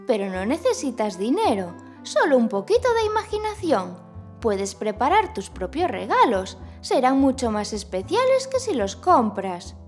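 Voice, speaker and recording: A woman's voice: sits high, huge pitch swings, unhurried, faint music behind, exaggerated voice. A woman voicing a kindly, encouraging female schoolteacher in a children's story. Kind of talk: children's audio story acting.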